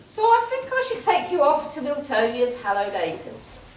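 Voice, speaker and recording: A woman's voice: sits high, huge pitch swings, moderate pace. A woman playing a wry, grand pantomime storyteller, narrating in theatrical rhyming verse in an echoing hall. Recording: echoey hall, distant mic, faint noise.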